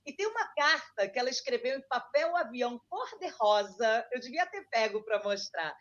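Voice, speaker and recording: A woman's voice: on the high side, expressive, normal speed, highs cut off. A woman from Argentina, a guest author, chatting casually and reminiscing about her childhood. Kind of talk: casual interview chat.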